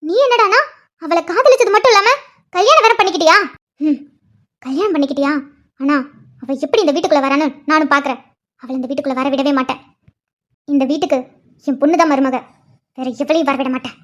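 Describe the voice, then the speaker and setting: Cartoon villainess: woman voicing a jealous scheming mother, low spiteful delivery, quick. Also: animated, fairly bright tone.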